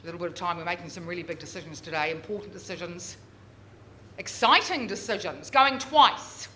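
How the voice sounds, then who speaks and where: A woman working as a real estate auctioneer, calling bids live with drawn-out repeated figures and chatty coaxing of bidders. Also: lowish voice, bright, forceful tone. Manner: drawn-out, repeated bid calls. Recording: noisy live auction room.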